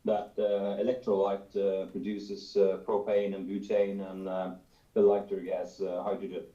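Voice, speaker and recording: A man's voice: deep voice, completely flat delivery, normal speed, warm tone. A man from Norway, a firefighter who adds a comment from the audience and talks hesitantly, with many fillers. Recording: echoey, dull remote audio.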